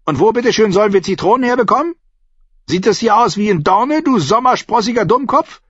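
A male reader voicing a huge, ugly, bossy innkeeper woman who scolds and shouts in a shrill voice. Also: animated, a little fast, slightly rough, no room sound, muffled recording, exaggerated voice.

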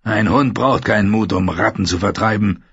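Brutal scarred warrior, low husky growl, read by a male narrator, dull dry sound. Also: moderate pace, a bit bright, dry recording, heavily acted. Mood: menacing. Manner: gruff, scornful, growling. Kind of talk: audiobook character voice.

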